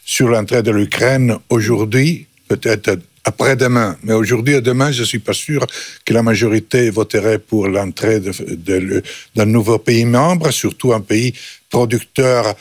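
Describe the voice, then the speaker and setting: Husky skeptical male panel guest. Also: lowish voice, dry recording. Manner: measured, skeptical. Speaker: guest commentator. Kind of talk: panel discussion.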